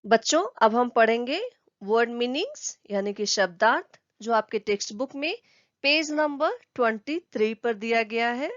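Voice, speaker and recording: A woman's voice: fairly high pitch, animated, normal speed, no room sound, dull audio. A woman teacher giving a lesson to children, explaining patiently step by step.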